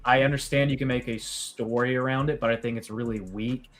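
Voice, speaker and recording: A man's voice: medium pitch, fairly even intonation, fairly quick, fairly bright tone, soft background music. A man in casual chat, hesitant and hedging, often restarting his sentences.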